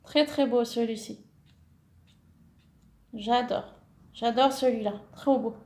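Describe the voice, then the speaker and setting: Bright, high-pitched woman vlogger, chatty and gushing, self-correcting, relaxed at-home haul. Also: takes it slowly, reverberant. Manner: enthusiastic, many fillers, self-correcting. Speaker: scrapbooking vlogger. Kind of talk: casual haul vlog, showing paper.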